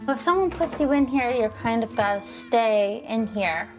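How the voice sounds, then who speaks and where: A woman's voice: fairly high pitch, lively intonation, moderate pace, music in the background. A young American woman in her twenties, chatty and upbeat, casually showing off her room. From United States. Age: 20s.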